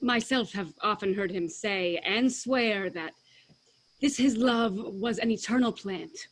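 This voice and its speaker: A woman's voice: medium pitch, slow, poor audio. A woman playing an earnest English warrior earl in a staged reading of verse drama, with formal oratory. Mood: earnest pledging. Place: remote video call.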